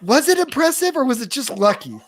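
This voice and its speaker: A man's voice: extremely high pitch, big pitch swings. A young man co-hosting a podcast, chatting casually and with strong opinions about fight results. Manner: opinionated, joking, quick asides. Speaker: podcast co-host. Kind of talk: casual fight recap chat.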